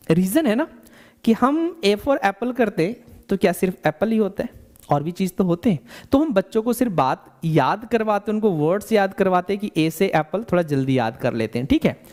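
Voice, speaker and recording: This bilingual spoken English teacher has a high-sitting voice with a darkish tone. He explains step by step, repeats questions back to the learner, and dictates definitions at a slower pace.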